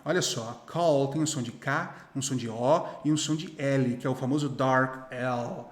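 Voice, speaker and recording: A young Brazilian man teaching English casually to camera, chatty and repetitive, often checking in with the viewer. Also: on the high side. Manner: chatty, repeats himself, asks "tá?" often. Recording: roomy echo.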